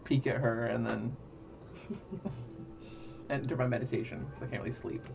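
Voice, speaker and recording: Gravelly man, off mic. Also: medium pitch, steady tone, measured pace, music in the background. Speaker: tabletop game player. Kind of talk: casual game chat. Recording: noisy room, distant mic.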